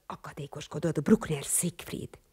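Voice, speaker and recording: A woman narrating a children's storybook, often dropping into a breathy half-whisper. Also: sits low, dark tone. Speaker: audiobook narrator.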